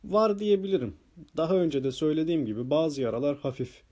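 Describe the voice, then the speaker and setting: A man voicing a small, excitable male doctor who earnestly explains what he has found, in an audiobook reading. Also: on the high side, fast, close to an everyday voice. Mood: explaining.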